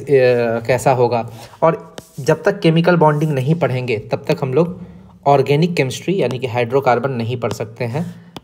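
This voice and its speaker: A man teaching an exam-prep lesson, explaining step by step and often pausing to check in with his students. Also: medium pitch, darkish tone.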